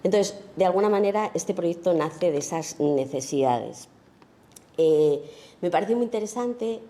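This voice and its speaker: Low soft-voiced woman talking about her photo work, thinks out loud, lots of ums and "no?", mellow dark tone. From Spain. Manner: thoughtful, searching, many fillers and tag questions. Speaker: photographer giving a festival talk. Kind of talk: informal lecture on her own work.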